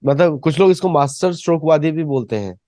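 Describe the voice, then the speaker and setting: A man hosting a discussion, talking in a measured, hesitant way with fillers. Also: fairly high pitch, lively intonation, mellow, no room sound. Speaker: host.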